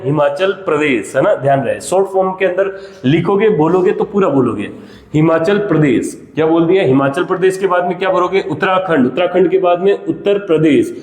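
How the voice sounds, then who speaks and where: A man's voice: fairly high pitch, a little mellow. A man teaching a geography lesson in a classroom, quizzing his students and answering his own questions, calling them child. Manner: asks questions and answers them himself, calls listeners child. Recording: echoey room with long reverb.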